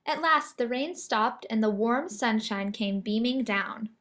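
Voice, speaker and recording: Her voice on the high side and her pace measured, a woman gives an expressive storytelling reading of a children's picture book.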